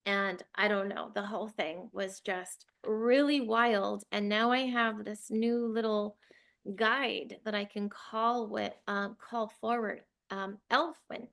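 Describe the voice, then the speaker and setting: A woman's voice: medium pitch, fairly even intonation, takes it slowly, creaky, a bit bright. A young adult woman speaks as a channeler recounting her own experience. Her talk is casual and wandering, packed with fillers and restarts. She turns openly emotional at times. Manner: rambling, filler-heavy, emotional. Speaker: spiritual channeler. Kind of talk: casual personal storytelling.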